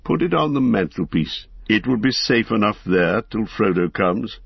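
A man's voice: fairly low pitch, expressive, gravelly, breathy edge, no room sound, exaggerated voice. A man doing a stern old wizard. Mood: firm. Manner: firm, measured commands. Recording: dry, slightly dull recording.

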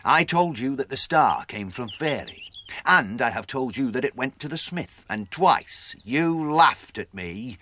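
An actor playing a quiet male apprentice who turns out to be a stern fairy king, speaking in measured, reproachful tones. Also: mid-range voice, expressive, slight background noise. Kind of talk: radio drama acting.

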